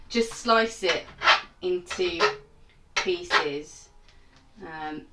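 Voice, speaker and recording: A woman's voice: lowish voice, a little slow, a bit bright, far from the mic, faint music behind. Chatty woman in an echoey kitchen. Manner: chatty and rambling, self-mocking asides. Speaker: home cook and channel host. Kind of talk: casual cooking demonstration. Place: small home kitchen.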